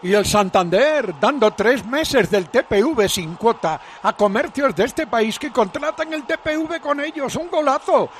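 A man's voice: very high-pitched, expressive, measured pace, fairly bright tone, a little hiss or hum. A man reading a sponsor message during a football radio broadcast.

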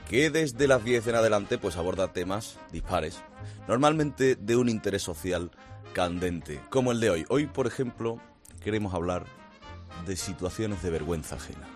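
A man from hosting a morning radio show with a lively, emphatic delivery and playful drawn-out phrases. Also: lowish voice, soft background music. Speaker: radio host. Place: radio studio. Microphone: studio microphone.

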